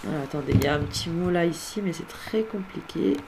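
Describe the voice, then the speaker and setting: A woman with a low-sitting voice speaks fairly quickly while loud music plays. In casual commentary during a spirit-contact session, this medium replays recordings and thinks aloud. She voices the words she hears and talks directly to the spirit.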